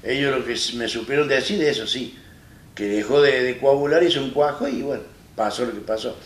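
With an Argentine Spanish accent and a mid-range voice, a man in his fifties shares his own story as a guest in a studio interview. He speaks in a plain, halting way, often restarting as he retells, while seated in an armchair on a small studio set. Roomy echo, a distant mic and faint hiss mark the recording.

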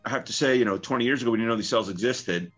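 A man being interviewed over the phone as a researcher, explaining in a relaxed way with frequent "uh" and "um" fillers. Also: mid-range voice, very fast, soft background music. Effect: talking over the phone. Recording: muffled phone-line sound.

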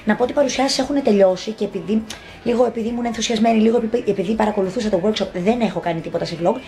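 A woman's voice: on the high side, dark tone. A woman in her thirties chatting casually to camera for her vlog, playful and teasing, filming on a phone at her makeup academy. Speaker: vlogger, makeup academy owner. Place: busy makeup academy during a workshop. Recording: chattering crowd around. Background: crowd chatter.

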